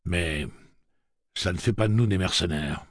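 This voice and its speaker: A man voicing a stern gunslinger leader who speaks in a cutting, booming tone. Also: unhurried, no echo, studio quality.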